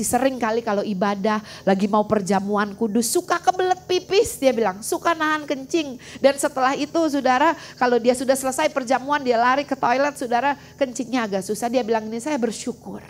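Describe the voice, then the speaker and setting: A woman's voice: medium pitch, darkish tone, slight background noise. A middle-aged woman pastor giving a testimony sermon, often calling out to the congregation and slipping in English phrases. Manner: personal testimony, often addressing listeners as saudara, mixing in English phrases. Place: church sanctuary. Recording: echoey church hall, voice from a distance.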